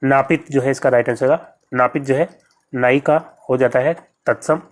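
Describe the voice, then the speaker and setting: A man coaching students through exam questions in a steady, methodical way. He pauses to spell words out and says each correct answer more than once. His pitch sits in an ordinary middle range. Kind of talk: exam-prep grammar lesson.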